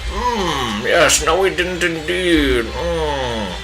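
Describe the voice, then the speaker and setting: A man's voice: fairly high pitch, lively intonation, music in the background, heavily acted, rough recording. A man playing a pompous bearded old wizard with a put-on British accent, hamming it up while he paints live. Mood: grandiose. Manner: hammy, drawn-out theatrical wizard speech.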